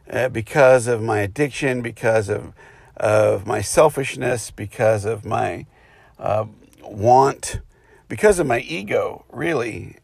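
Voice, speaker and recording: A man giving an informal, reflective spiritual talk in a halting, unscripted way, recorded inside a car with rain hitting it. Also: medium pitch, vocal fry, dry recording. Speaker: spiritual teacher.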